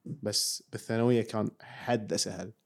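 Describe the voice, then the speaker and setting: A man co-hosting a podcast, telling stories in an animated, joking way. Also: fairly low pitch, gravelly. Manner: quick, animated storytelling, joking. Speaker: podcast co-host. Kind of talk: casual chat.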